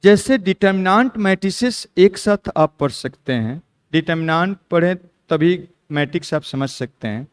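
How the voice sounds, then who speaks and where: A man's voice: high-pitched, smooth. A middle-aged man teaching a maths lecture, giving students firm, repeated instructions. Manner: repetitive, emphatic instructions to students. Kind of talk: classroom lecture.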